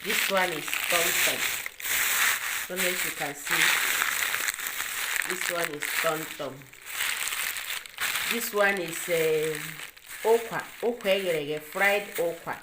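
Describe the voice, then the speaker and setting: A young woman with a Nigerian accent in a casual unboxing vlog, excitable and repeating herself as she shows off food items. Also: fairly low pitch, very noisy. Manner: excitable, repeats words, bursts of laughter. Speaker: vlogger. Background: faint crinkling of wrappers.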